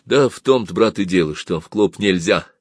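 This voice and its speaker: A man voicing a bearded, plain-spoken craft teacher in a storybook reading, calm and homely. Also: low voice, moderate pace, breathy edge, no room sound, clean studio sound. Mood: rueful.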